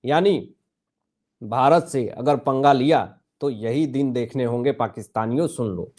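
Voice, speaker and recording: A man's voice: mid-range voice, unhurried, a little mellow. A man hosting a heated political news commentary, combative and mocking, often calling out to his viewers as friends.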